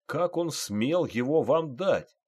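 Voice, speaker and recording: A man voicing a stern male army sergeant who barks orders slowly and loudly, in an audiobook reading. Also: fairly high pitch, expressive, husky, voice pushed up, exaggerated voice. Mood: commanding. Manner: barking orders, loud and slow.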